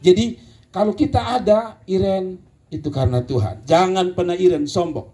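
A man with a Kupang Malay accent, preaching a sermon and telling stories, rising to emphatic bursts and dropping low. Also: moderate pace, warm tone. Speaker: pastor.

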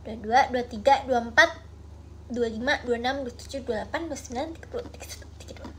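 A playful idol livestreamer in her twenties chats casually late at night from a small bedroom, musing and drifting into soft murmurs. Her high voice comes fairly quickly through a phone held at arm's length, with a noisy background.

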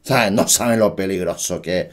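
A man's voice: low-pitched, moderate pace. A man hosting a prank call video, talking casually with frequent cursing and bursts of laughter. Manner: loud giggling fits, cursing. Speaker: host.

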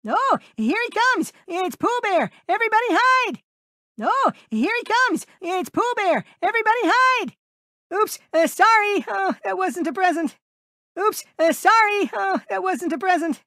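Tiny timid piglet, very high-pitched. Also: male voice, animated, unhurried, sharp tone, no echo, clean studio sound, heavily acted. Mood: flustered. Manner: hesitant, stammering, fretful, polite. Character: Piglet, small timid, anxious, kindly male piglet. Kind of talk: cartoon video game character voice clips.

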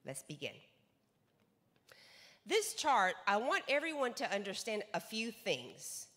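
On a large stage in a hall, a North American woman in her forties gives an emphatic sales lecture into a handheld mic, repeating words for stress and asking rhetorical questions. A business seminar speaker, she has a mid-range, sing-song voice that is slow and fairly bright, with long hall reverb on the recording.

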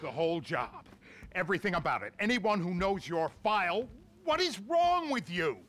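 A man's voice: sits high, big pitch swings, moderate pace, a bit bright. An actor playing an exasperated middle-aged male federal agent, scolding.

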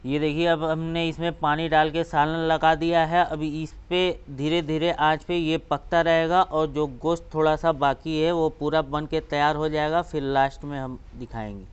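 A man with a slightly high, clear, resonant voice hosts a cooking channel, explaining each step of a recipe outdoors beside a clay stove and pointing things out along the way. The recording sounds muffled.

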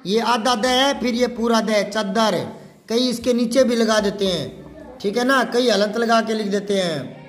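A man's voice: high voice, a little slow. A man teaching a children's class, patiently going through worksheet questions, asking the pupils and answering himself. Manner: spells out words syllable by syllable. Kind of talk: classroom lesson explaining a worksheet.

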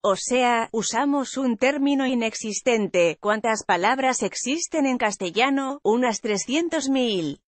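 A woman reading a news article aloud in an even, measured way, as a news voice-over. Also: on the high side, no echo. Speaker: news reader.

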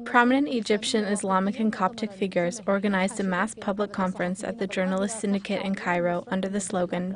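A woman delivers scripted news narration at a medium pitch. A crowd is clearly audible behind her voice.

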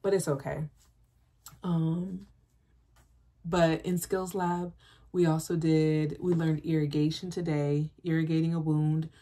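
A woman's voice: low voice, breathy edge. A woman, chatting casually to camera about her day and reassuring herself, talking with her hands, in a bedroom. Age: 20s. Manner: chatty, self-reassuring, expressive with hand gestures. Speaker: nursing student vlogger. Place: bedroom, indoors.

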